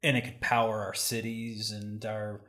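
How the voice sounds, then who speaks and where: A man's voice: on the low side, little pitch movement, normal speed, bright, forceful tone. A man casually retelling an ancient myth in conversation, with loose fillers and restarts.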